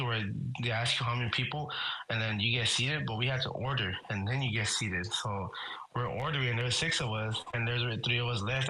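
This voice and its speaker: A man with a Southern Californian accent telling a story in casual, profane podcast chat, halting and restarting often. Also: medium pitch, sharp tone, slight background noise, low-quality recording. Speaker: podcast co-host.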